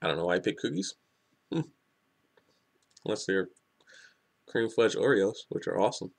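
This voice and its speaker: A man giving a casual spoken review of a comic chapter, excitable and rambling, often restarting his sentences. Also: on the low side, moderate pace, vocal fry. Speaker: manga reviewer.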